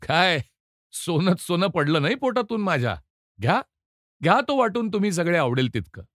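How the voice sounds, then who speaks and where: A man's voice: a little high, big pitch swings, moderate pace, dry recording, studio quality. A male narrator voicing a vengeful, foul-mouthed convict who jeers and taunts his jailers in an audiobook reading. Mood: mocking. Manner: taunting, jeering, crude.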